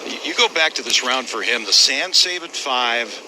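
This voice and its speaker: A man calling golf as a live play-by-play commentator, in measured, clipped phrases. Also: medium pitch, lively intonation, pushed and bright, poor audio. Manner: measured, clipped present-tense calls. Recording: clear outdoor background noise.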